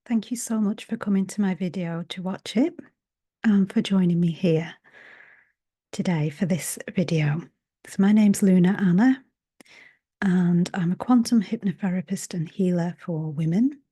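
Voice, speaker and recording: A hypnotherapist and healer gives a gentle spiritual talk to camera, recorded through an earbud mic. Her voice is on the low side, a little slow, slightly raspy from a sore throat, and often drops to a half-whisper.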